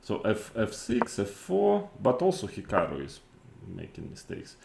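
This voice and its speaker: Critical and incredulous, a man gives improvised chess commentary full of exasperated rhetorical questions and halting, repeated phrases. His voice sits on the low side, creaky and darkish, swinging hugely in pitch. The recording echoes and carries a slight hiss or hum.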